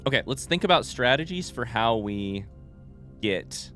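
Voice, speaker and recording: A man streams a video game blind, thinking aloud in rambling, informal commentary with mild swearing, his voice a bit affected by being sick. He speaks at a measured pace in a medium pitch, bright and forceful with lively intonation. Soft music plays in the background.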